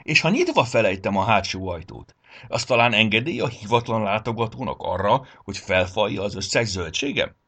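A man voicing a bossy, grumpy old Santa Claus in a storybook reading, with a gravelly voice. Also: on the low side, huge pitch swings, a bit bright, heavily acted. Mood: grumbling.

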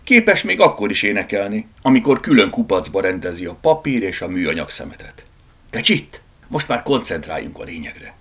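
A man's voice: fairly low pitch, very animated, a bit bright, slightly rough, full character voice. A man voicing a bold, determined house cat who talks firmly, often in a whisper. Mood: brisk.

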